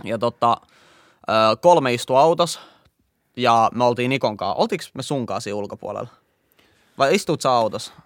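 A man's voice: medium pitch, long pauses, dry recording, studio quality. A young man with a Finnish accent, casually telling a story as a podcast host. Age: young adult. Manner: relaxed anecdotal storytelling.

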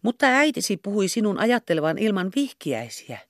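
A woman voicing a pious, coy young seamstress who speaks in a teasing, sharp-tongued way, in an audiobook. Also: mid-range voice, sing-song, dry recording, clean studio sound, pitched above the performer's own voice.

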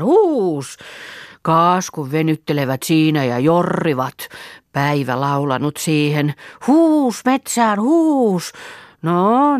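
A woman voicing a bossy young farm girl who shouts brisk commands while playing at herding, in a storybook reading. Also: sits low, dry recording, studio quality, lightly acted.

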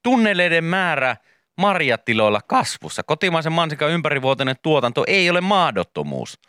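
A man's voice: a little high, sing-song, bright, forceful tone, dry recording. A male radio morning show host chatting casually, telling anecdotes and reading headlines aloud in a studio. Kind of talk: casual on-air banter. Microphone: studio microphone.

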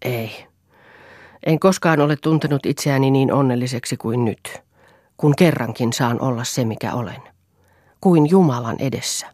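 A woman's voice: rumbling low, darkish tone, dry recording, clean studio sound. A woman voicing a brooding, bitter male writer who speaks in a confiding, world-weary way. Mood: earnest.

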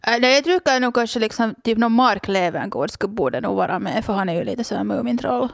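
A woman's voice: a little high, animated, creaky, dry recording, clean studio sound. A woman with a Finland Swedish accent, gushing enthusiastically as a podcast host in casual chat, with many restarts.

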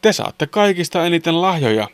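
A man's voice: on the high side, very animated, clear, resonant tone, dry recording, pitched above the performer's own voice. A man reading a children's story, doing a friendly, apologetic Santa Claus. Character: kindly male Santa Claus.

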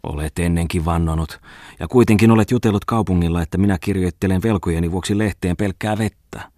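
A man doing a gruff, grumpy newspaper editor. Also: low-pitched, a little mellow, no room sound, studio quality, natural voice. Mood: grumbling. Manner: gruff, growling.

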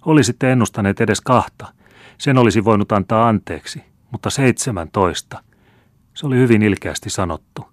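A man's voice: fairly low pitch, no room sound, pitched above the performer's own voice, close to an everyday voice. A man voicing a young girl in a plaintive voice that mixes playfulness and sorrow. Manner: plaintive, half playful half sad. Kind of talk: audiobook character reading.

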